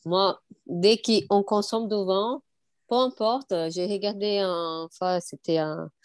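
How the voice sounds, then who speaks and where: A woman with a medium-pitched voice joins a casual panel discussion. The sound is close and dry, with no room echo. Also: slow pace. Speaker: wine trade panelist.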